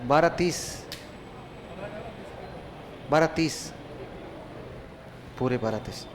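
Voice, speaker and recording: A man teaching a class, who dictates points slowly, repeats them, and chats and jokes with the students. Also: on the high side, background noise.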